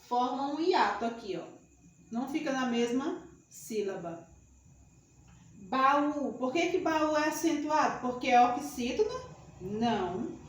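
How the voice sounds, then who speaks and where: A woman teacher with a high voice explains grammar rules at the board, patiently repeating herself and asking her students rhetorical questions. She is recorded from a distance in a very echoey classroom. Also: slight background noise. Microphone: camera far from speaker. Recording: very echoey room, voice from far off.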